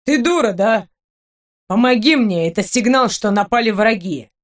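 A woman voicing a blunt young male wizard companion in a spoken storybook, talking low and brusquely. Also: moderate pace, natural voice.

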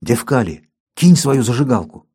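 Man reading as a hushed, urgent man. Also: medium pitch, very animated, normal speed, husky.

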